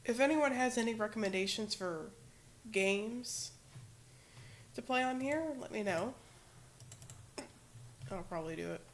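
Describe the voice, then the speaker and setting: A woman's voice: fairly high pitch, a little slow, pauses often, a little hiss or hum. A woman streaming, chatting casually in a rambling, hesitant way with lots of filler words and self-corrections. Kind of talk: casual livestream chat.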